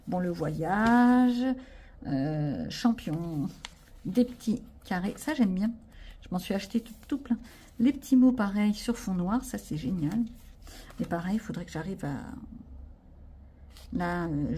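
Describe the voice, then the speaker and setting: A woman's voice: mid-range voice, warm tone. A woman with a French accent chatting casually to camera about her sticker and craft haul, self-mocking and full of fillers. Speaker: vlogger showing a craft haul.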